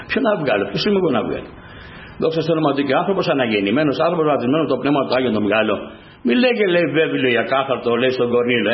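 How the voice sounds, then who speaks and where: Fervent preacher man in an echoey hall. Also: high-pitched. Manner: fervent, punctuated by repeated praise refrains. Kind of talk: sermon. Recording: echoey room, dull lo-fi sound.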